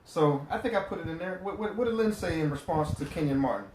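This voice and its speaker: A man's voice: fairly high pitch, animated, fast talker, background noise. A man co-hosting a casual basketball talk show, playful and fond of repeating phrases for emphasis. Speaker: co-host. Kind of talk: casual sports chat. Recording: echoey room, mic set back.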